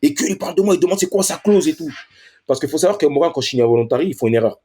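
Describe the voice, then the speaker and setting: A man with a husky, slightly breathy voice tells a story in a casual interview, sprinkling in street slang. He is animated and jumps into higher, louder voices to act out the people in his story. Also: racing. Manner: animated, acts out others in raised voices. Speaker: professional footballer, interview guest.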